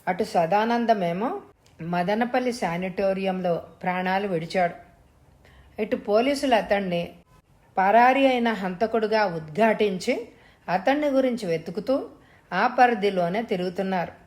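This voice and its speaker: A woman narrating a suspense story in the first person with a measured, steady manner. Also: medium pitch.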